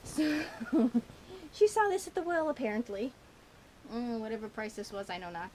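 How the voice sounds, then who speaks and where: A woman shows off her shopping haul in a rambling, casual chat to camera, giggling often and leaning on fillers, her speech slightly slurred from a burnt tongue. Her slightly high, darkish voice swings widely in pitch at a moderate pace, over a faint hiss or hum.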